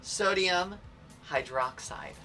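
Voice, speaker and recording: A man's voice: high-pitched, slow, bright, forceful tone. A man with a sassy, playful drag queen manner, assisting in a demonstration with casual comic banter. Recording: distant mic under clear background music.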